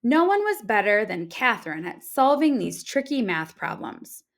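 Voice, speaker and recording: Like a teacher reading to young listeners, a woman gives an informational picture book a deliberate, expressive reading, her pitch fairly high.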